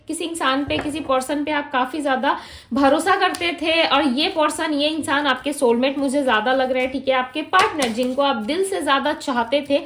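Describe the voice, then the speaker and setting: A tarot reader with a high-pitched voice gives a reading, blending Hindi and English and often dropping in "ठीक है." She is gentle and reassuring, talks straight to her viewers, and her throat feels heavy.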